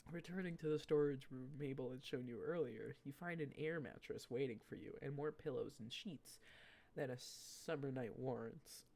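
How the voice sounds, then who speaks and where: A woman streamer reading a dating-sim game's text aloud, breaking off to joke and tease the characters. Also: a bass voice. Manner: animated and jokey, quick to tease the characters.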